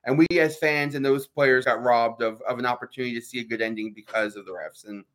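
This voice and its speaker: A man's voice: mid-range voice, fairly even intonation, fairly bright tone. A man co-hosting a sports talk show, making emphatic points and often asking "right?". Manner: fast, emphatic, fills with "right?".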